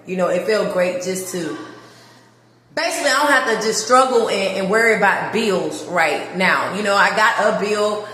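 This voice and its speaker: A woman's voice: mid-range voice, moderate pace, a bit bright, a little hiss or hum. A woman chatting on a livestream as she shows her new apartment, heartfelt and often laughing. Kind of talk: casual livestream chat. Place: empty apartment rooms. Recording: echoey empty rooms with long reverb.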